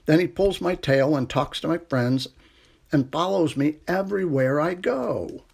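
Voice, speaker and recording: A man's voice: fairly high pitch, animated, a little slow, creaky, a little mellow, slightly rough, pitched above the performer's own voice, exaggerated voice. A man voicing a young raccoon boy from a children's storybook, a hurt, jealous big brother who pleads plaintively. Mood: aggrieved.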